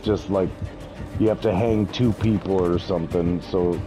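Low-voiced man rambling over game music. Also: fairly even intonation, unhurried, rough recording. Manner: hesitant, rambling. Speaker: gaming friend. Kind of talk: casual gaming chat.

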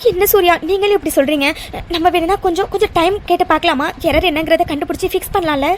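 A voice actor doing a very high, worried young best friend. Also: fast talker, slight background noise. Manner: comforting, urgent. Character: young woman coder, supportive best friend. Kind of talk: cartoon serial voice acting.

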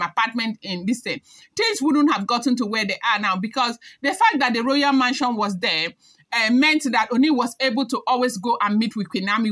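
A young woman talks celebrity gossip straight to camera. Her voice sits a little high and rings bright and forceful. She chats along easily and keeps tacking on reminders that it is all hearsay. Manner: chatty, hedging with repeated disclaimers. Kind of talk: casual gossip commentary to camera.

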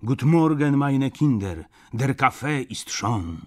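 A man's voice: medium pitch, expressive, slow pace, pitched above the performer's own voice. A man reading an audiobook, voicing a kindly old German grandmother who fusses over a guest. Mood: doting. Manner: warm doting exclamations.

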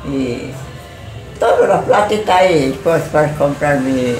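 A woman's voice: deep voice, animated, unhurried, faint music behind. An older woman, a shopkeeper, telling in a rambling, repetitive way how she was robbed, interviewed in her small shop. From Peru. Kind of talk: interview testimony. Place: small indoor corner shop. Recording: echoey room with loud background noise.

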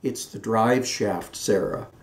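An unhurried older uncle who speaks in a slow Southern US drawl, as a man reading his memoir puts him on. His voice stays low and easy. The room around him echoes. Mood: unbothered.

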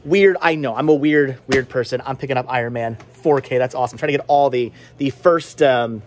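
A movie-collecting vlogger in his forties chats casually and playfully to a handheld camera held at arm's length inside a video and game shop. His mid-range voice is fairly quick and a little mellow, and he rambles, often cutting himself off, in this chatty shopping vlog.

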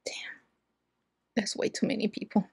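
A young woman giving sparse, subdued reaction commentary in short muttered remarks, with a husky, creaky voice. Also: normal speed, a little mellow, no echo, in a whisper. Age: young adult. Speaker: reaction video host. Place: small room at home with shelves.

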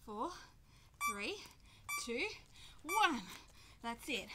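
A woman coaching a kids' workout with short, energetic barked commands and encouragement, puffing a little as she exercises. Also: fairly high pitch, extremely slow. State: exerting, puffing while exercising. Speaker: kids' fitness instructor. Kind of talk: leading a workout, calling out instructions. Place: outdoors in a grassy back yard. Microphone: camera microphone from a few metres away. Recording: noisy outdoor camera audio, some clicks.

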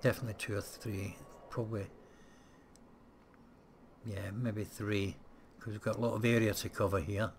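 The man's low-leaning voice stays fairly even in intonation, moving at a moderate pace and pausing often. A let's-play gamer, he casually commentates on a strategy game, chatty and muttering to himself, into a close desk mic with slight background noise.

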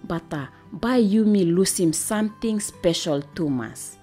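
Female documentary narrator, Solomon Islands accent and Pidgin, scripted delivery, deep soft-edged tone. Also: animated, measured pace, faint music behind. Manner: speaks in Solomon Islands Pijin.

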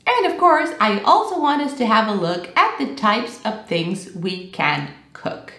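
Woman, 30s, video English teacher, animated and deliberate, roomy sound. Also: mid-range voice. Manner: animated, gestures a lot while explaining. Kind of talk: video lesson explaining vocabulary. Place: small room with bookshelves, indoors.

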